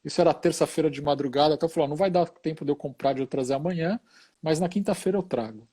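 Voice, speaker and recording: A man's voice: on the high side, rapid-fire, mellow. A middle-aged Brazilian man, a hospital chaplain, telling a story in an easygoing, casual conversation and tagging many phrases with short questions.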